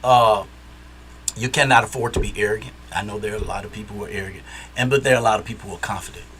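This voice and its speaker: A man's voice: on the low side, fairly even intonation, very fast, a bit bright, a little hiss or hum. A man from Detroit, a guest in a casual interview, who speaks emphatically and repeats phrases for stress. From Detroit, USA.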